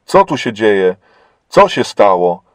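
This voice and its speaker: A man voicing a stern male camp chief who barks curt, loud orders. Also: fairly low pitch, very animated, takes it slowly, no echo.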